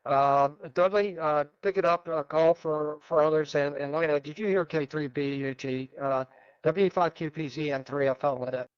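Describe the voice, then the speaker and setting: A man's voice: fairly high pitch, steady tone, moderate pace, no echo. A man running an amateur radio net, heard over a radio transmission, talking in an easygoing, rambling way. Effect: heard over a ham radio transmission. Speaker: net control operator. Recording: dull, lo-fi radio audio.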